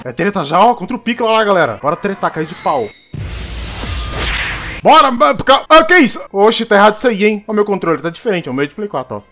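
A young man giving joking, excitable commentary while playing a game, shouting at the action. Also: high-pitched, fast talker. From Brazil. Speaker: gaming YouTuber. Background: game music.

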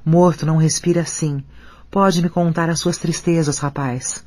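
A man voicing a great male lion who speaks slowly and gravely. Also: on the high side, steady tone, a little mellow, no room sound, close to an everyday voice. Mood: solemn. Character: great male lion, deep, solemn and gentle.

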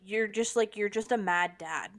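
Blunt, animated woman podcast co-host. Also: mid-range voice. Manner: blunt, animated, quick to swear and joke. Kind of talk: casual chat.

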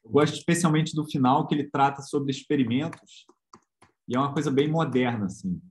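A man with a Brazilian Portuguese accent giving an informal online physics lecture. He talks in a relaxed, conversational way, with frequent tag questions and hesitations. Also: mid-range voice, fairly quick.

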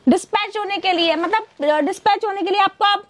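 A young woman with a very high voice runs through her sales pitch with energy, repeating her key points as she holds up stock. She is recorded indoors in a clothing warehouse. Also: brisk. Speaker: wholesale seller. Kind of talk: sales pitch showing products.

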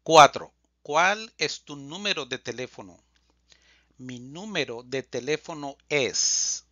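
A man teaching a language lesson, reading phrases slowly and deliberately and repeating them for learners. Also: mid-range voice, animated, pushed and bright, no room sound, lo-fi sound. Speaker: Spanish teacher. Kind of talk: slow scripted language lesson.

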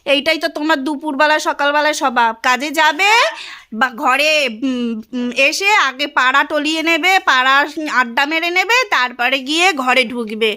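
A middle-aged woman from West Bengal, India, talks at home in a high voice, airing her grievances one after another. Her tone is bright and sharp, hurt, and insistent in a casual home vlog. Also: moderate pace. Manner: aggrieved, venting complaints at length. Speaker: vlogger and housewife.

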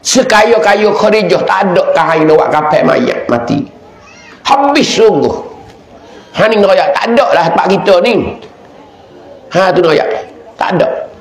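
A man's voice: animated, measured pace, pauses often, echoey room. A male religious teacher with a Kelantan-Pattani Malay accent, preaching a sermon in a storytelling way and acting out the dialogue dramatically. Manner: dramatic, acts out dialogue in lowered voice.

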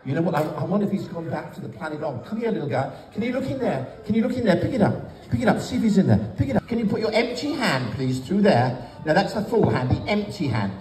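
A man's voice: high-pitched, very animated, fast, a little mellow, faint music behind. An older man with an English accent, doing playful, theatrical kids' party magician patter and teasing children as he instructs them. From England. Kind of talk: kids' party magician patter, live comedy stage show. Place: large wood-panelled indoor council chamber. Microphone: audience phone camera from several metres. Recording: echoey hall, distant phone, noisy young audience. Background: crowd of children and adults.

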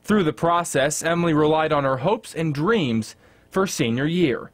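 A male reporter reading a scripted news feature in a measured storytelling delivery. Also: fairly high pitch.

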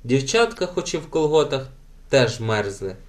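A man reading a children's audiobook aloud with gentle, animated storytelling. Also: medium pitch, moderate pace. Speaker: audiobook narrator.

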